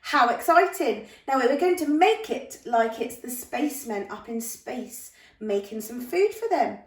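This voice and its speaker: A woman's voice: a little high, sing-song, unhurried, darkish tone. A woman speaking as a primary school teacher, giving step-by-step cooking instructions to young children in simple, encouraging language with exaggerated emphasis.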